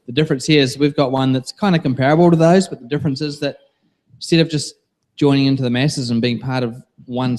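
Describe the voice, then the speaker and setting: A man with a New Zealand accent, a guest explaining his software idea, earnest and repeating words as he goes. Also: mid-range voice. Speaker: guest business owner. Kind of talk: explaining a product.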